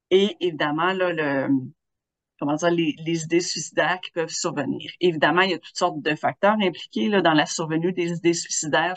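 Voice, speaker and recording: A man presents research during a webinar. He speaks in a somewhat high voice and keeps hedging with fillers as he talks. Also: a bit bright. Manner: hedging, frequent "là" and "euh".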